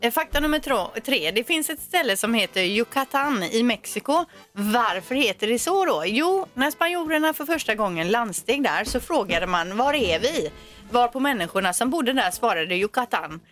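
A woman's voice: a little high, lively intonation, a bit bright, soft background music. A woman co-hosting a morning radio show, reading out facts and tips in a chatty way. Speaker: radio co-host. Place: radio studio.

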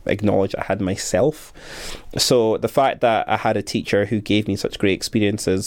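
A man's voice: lowish voice, a little mellow. A young man who teaches primary school, talking earnestly and thoughtfully about his work in an interview. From Scotland. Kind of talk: reflective interview talk.

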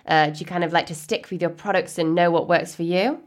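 A woman's voice: lowish voice, fairly even intonation, brisk. A woman hosting a podcast in a polished, enthusiastic manner, moving between scripted introduction and interview questions. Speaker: podcast host.

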